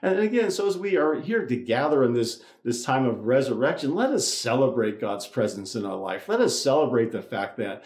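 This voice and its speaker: A man preaches an Easter sermon in a relaxed, conversational way, doubling back on words and restarting phrases as he thinks aloud. His voice sits at an ordinary middle pitch. The church around him adds a roomy echo. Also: normal speed, few pauses. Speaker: priest. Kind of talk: Easter sermon with a told joke.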